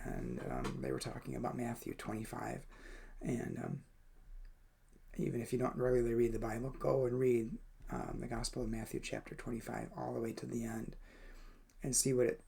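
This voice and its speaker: A man's voice: mid-range voice, little pitch movement, moderate pace, creaky, a little mellow, breathy edge. A man reading a daily devotional and sharing his own thoughts, speaking thoughtfully with frequent hesitations and fillers. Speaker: devotional reader and commentator. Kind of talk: reflective spoken devotional.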